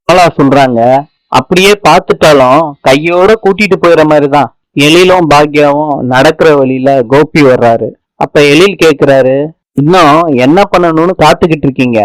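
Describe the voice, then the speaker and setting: A man's voice: fairly high pitch, dry recording, low-quality recording. A man narrating a TV serial episode recap in casual colloquial speech, reading out every character's lines in his own voice.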